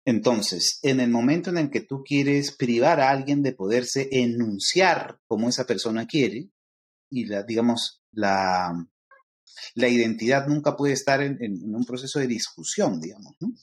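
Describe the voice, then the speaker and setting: A guest lecturer from Peru, speaking with a Peruvian Spanish accent at a medium pitch, explains ideas thoughtfully during a podcast interview. He often pauses on fillers.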